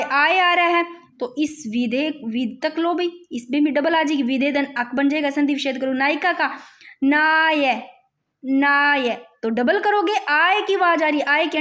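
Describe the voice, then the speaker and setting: A woman teaching a grammar lesson, sounding out each example word slowly and calling her students "bhai". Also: high-pitched, fairly bright tone.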